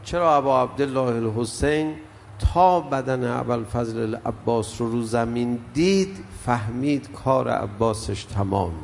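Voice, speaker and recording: A man's voice: medium pitch, vocal fry. An older man preaching an emotional mourning sermon, telling stories that swell and drop in intensity. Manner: storytelling, swells and drops in intensity. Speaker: preacher reciting mourning elegy. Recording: long hall reverb, faint background noise.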